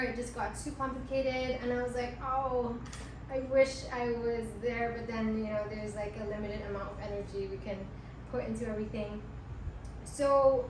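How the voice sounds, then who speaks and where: A woman from Hong Kong teaching a workshop, chatting casually with lots of fillers like um and like. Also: on the high side. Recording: echoey room, far mic, audible noise.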